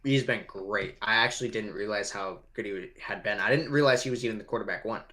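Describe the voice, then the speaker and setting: Brief: young male co-host, lower-pitched, easygoing and animated, casual sports banter. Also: brisk. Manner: animated, loose and profane. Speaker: podcast co-host.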